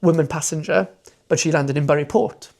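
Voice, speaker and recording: This young man from Wales, a fluent Welsh speaker and motoring content creator, rambles enthusiastically as a podcast guest in a casual interview, with plenty of fillers and restarts. His voice is a little high, gravelly and a little mellow, and he talks fairly quickly.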